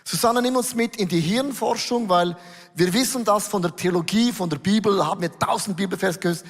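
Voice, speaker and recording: A man with a high-pitched voice preaches from a church stage and keeps it conversational and lively. He questions his listeners and reads scripture. The voice carries a long hall echo. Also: a little fast. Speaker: pastor. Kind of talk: sermon with scripture reading. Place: church stage before a congregation. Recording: echoey hall reverb.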